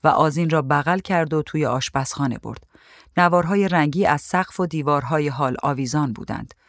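A woman reading a story aloud in a calm, even voice. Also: low voice, dry recording, clean studio sound. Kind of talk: storybook narration.

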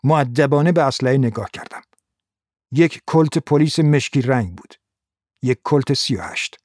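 A man reading a first-person noir novel as scripted audiobook narration in a steady, measured way. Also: medium pitch, no echo, studio quality.

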